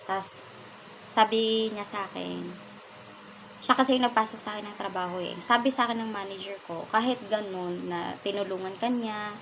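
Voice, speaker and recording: Soft-spoken Filipina sharing a story. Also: female voice, medium pitch, rough recording. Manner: soft-spoken, pauses often with fillers. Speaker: vlogger. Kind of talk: casual personal testimony.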